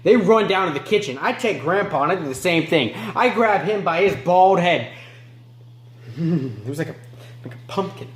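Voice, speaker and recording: A man playing a remorseless male killer in an amateur film monologue, moving between low mutters and sharp outbursts. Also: lively intonation, normal speed, roomy sound. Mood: low, menacing. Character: remorseless male killer recounting his crimes.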